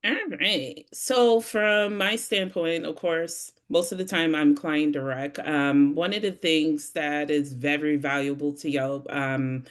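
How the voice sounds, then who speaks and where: A woman sales rep telling stories with lively expression on a webinar panel over a video call. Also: sits low, takes it slowly, hardly any pauses.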